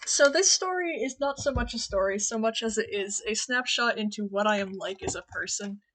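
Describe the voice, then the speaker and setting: Bright-voiced chatty woman streamer. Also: mid-range voice, normal speed. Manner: chatty, rambling, laughs often. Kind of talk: casual chat while gaming.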